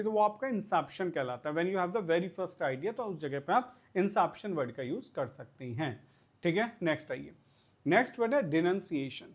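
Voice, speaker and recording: A man from India teaching vocabulary for exams in Hindi. He repeats each word and asks and answers his own questions. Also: high-pitched. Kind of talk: exam-prep vocabulary lesson.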